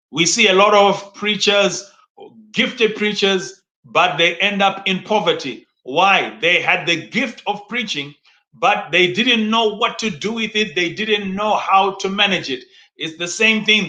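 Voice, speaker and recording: A motivational sermon comes from a male preacher and teacher whose forceful voice is bright and pitched high. Speaking emphatically, he instructs by asking questions and answering them, all captured in a reverberant, roomy space.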